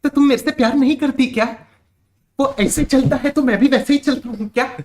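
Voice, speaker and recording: A man doing a whiny high incel guy. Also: brisk, a little mellow. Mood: whiny pleading. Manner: whiny, pleading questions. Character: whiny young male online incel, pleading.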